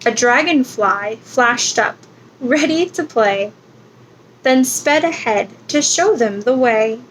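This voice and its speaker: Slow, gentle woman reading storybooks. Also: fairly high pitch, expressive, a little hiss or hum, low-quality recording. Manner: slow, gentle bedtime reading with sound effects. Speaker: children's book reader. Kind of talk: reading picture books aloud.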